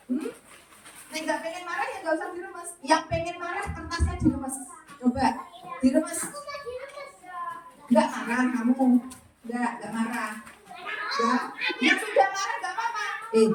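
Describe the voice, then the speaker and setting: High coaxing Javanese teacher in classroom. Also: female voice. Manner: coaxing, playful questioning, mixes in Javanese words. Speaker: primary school teacher. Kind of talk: classroom lesson with children. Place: primary school classroom. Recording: roomy, far from mic, noisy class. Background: children chattering.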